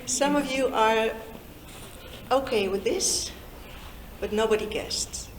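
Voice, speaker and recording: Unhurried woman in her fifties speaking to a roomy hall. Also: fairly high pitch, a little hiss or hum. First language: Dutch. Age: 50s. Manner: slow, warm and chatty, draws in her listeners. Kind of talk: informal talk to young people. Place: meeting room in Lusaka.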